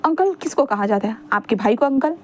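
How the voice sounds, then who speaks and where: A woman's voice: on the high side, lively intonation, fairly quick. A woman voicing a dramatic, clingy young man who pleads, whines and schemes in a read-aloud fan fiction story. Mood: wheedling. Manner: whiny, pleading, theatrical.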